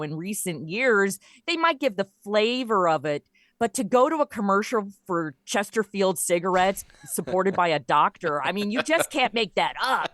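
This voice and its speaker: Being interviewed on a podcast, a woman who makes audio comedy shares stories in a relaxed, conversational style. Her voice is fairly low and a bit bright, with clean studio sound and no echo.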